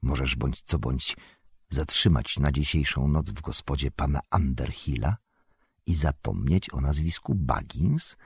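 A grim, watchful ranger speaks low and measured in a storybook reading, as a man reads him out. The voice is deep, husky and gravelly. It sounds close and dry. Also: expressive, dry recording, heavily acted. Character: grim watchful male ranger, calm and wry.

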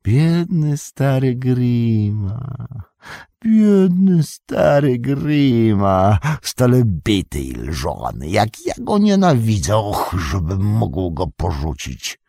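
A man voicing a cowering, beaten old servant who whimpers in self-pity, slow and husky. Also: mid-range voice, sing-song, warm tone, dry recording, studio quality, voice pushed up, full character voice. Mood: whimpering.

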